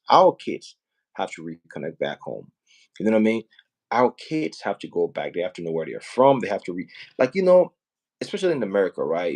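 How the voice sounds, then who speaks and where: A man's voice: on the low side, a little mellow. A man from Liberia, hosting a casual live stream and talking earnestly and persuasively, often checking in with "right?". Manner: earnest, persuasive, often asks "right?" and "you know what I mean?". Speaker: host promoting home building back home.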